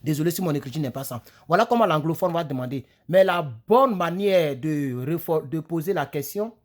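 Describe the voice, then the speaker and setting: A French-speaking English teacher gives a casual lesson at home, filming on a phone held close in front of him. His voice is a little high, and he rambles, repeats himself, leans on "voilà" and "ok", and slows right down to spell out English phrases.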